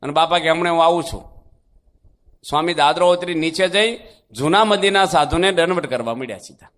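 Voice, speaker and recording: A man preaches a devotional sermon, his voice sitting a little higher than most men's. He tells homely stories in a chatty, folksy way and keeps asking his listeners questions. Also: a little fast, fairly bright tone. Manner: folksy, conversational storytelling with rhetorical questions. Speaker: monk preacher.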